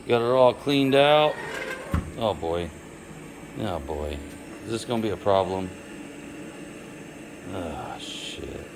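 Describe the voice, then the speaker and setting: Low, slow-talking man, casual vlog. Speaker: vlogger. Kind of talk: casual vlog, showing a space. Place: old converted chicken coop, indoors. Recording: steady background hum and noise.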